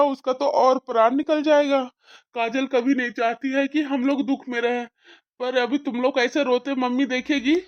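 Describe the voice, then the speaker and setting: A grieving cartoon father with broken legs, as an actor puts him on mourns in a high, thin voice. He laments his helplessness and soothes his crying daughters. The sound is dull and lo-fi, as if muffled. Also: lightly acted. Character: crippled father, helpless and despairing. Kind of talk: cartoon story voice acting.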